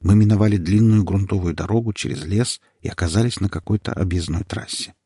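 A man narrating a first-person audiobook in a steady, dramatic storytelling manner. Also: deep voice, brisk, slightly rough, no echo, studio quality. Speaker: audiobook reader.

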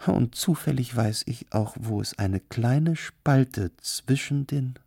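A man's voice: mid-range voice, slow pace, vocal fry, mellow, husky, dry recording, clean studio sound, voice pushed up, heavily acted. A man voicing a gossipy, fawning matchmaker of unclear sex in a storybook reading. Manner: fawning, wheedling.

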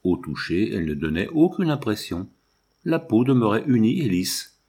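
Husky low-voiced male narrator. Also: big pitch swings, mellow. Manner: measured, literary. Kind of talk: audiobook reading.

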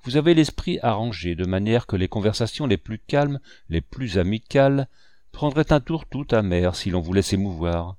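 Un vieil oncle peintre, bourru et taquin, que fait un lecteur à la voix grave, au ton sec et moqueur. Le son est mat et proche, sans aucune réverbération. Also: male voice, fairly low pitch, lively intonation, normal speed, darkish tone, dry recording, studio quality, close to an everyday voice.

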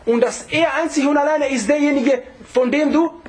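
A man teaching a religious lesson, reciting Arabic passages rapidly and then explaining them again and again with rhetorical questions to the class. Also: extremely high pitch, a crowd in the background.

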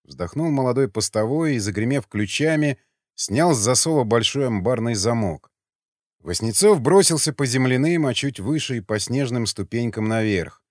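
A man's voice: medium pitch, lively intonation, moderate pace, darkish tone, no echo, studio quality. A man narrating an audiobook with dramatic storytelling.

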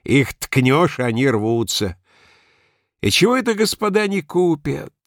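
A man reading a story aloud and voicing a gruff, stubborn working-class handyman who speaks in rough colloquial phrases. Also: a little high, big pitch swings, a little slow, no room sound, studio quality, voice pushed up. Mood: smug. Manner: rough colloquial speech, offhand and cocky. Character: gruff male handyman, crude, stubborn and boastful.

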